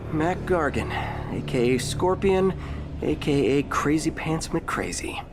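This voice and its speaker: A man's voice: a little high, animated, takes it slowly, over music. A man playing a quippy young superhero in a video game, with a glib, conversational delivery. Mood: wry, quippy. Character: wisecracking young male superhero, upbeat and quippy. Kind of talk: video game voice acting, explanatory quips.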